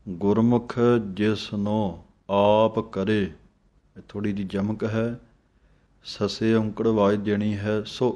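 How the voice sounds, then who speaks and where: Male recitation teacher, unhurried and even-toned, alternates chanted lines with plain spoken pointers. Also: fairly low pitch. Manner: slow chanting of verses between quick spoken explanations. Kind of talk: step-by-step pronunciation lesson.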